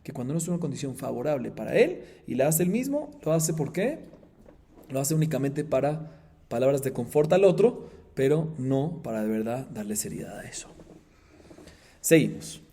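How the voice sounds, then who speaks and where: A man, a rabbi, teaching a Talmud class, explaining the text in an animated way with emphatic highs and chanting the Aramaic passages. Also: normal speed, breathy edge. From Colombia.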